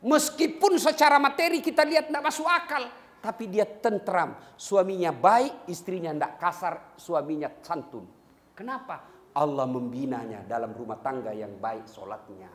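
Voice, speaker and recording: Male preacher, animated sermon delivery, long hall reverb. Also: fairly high pitch, moderate pace. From Indonesia. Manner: animated, jokes with the crowd, breaks into song. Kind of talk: lively sermon to a congregation.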